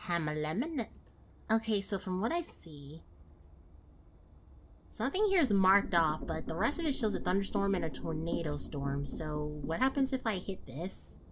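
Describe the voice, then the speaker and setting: A woman's voice: on the low side, big pitch swings, normal speed, noisy background. A woman streamer commenting on a horror game and thinking aloud as she plays.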